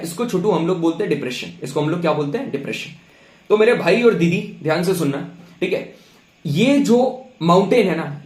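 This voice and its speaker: A young male teacher gives an exam-prep lecture, switching between Hindi and English, repeating key terms and speaking straight to his students. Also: high voice. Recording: roomy echo.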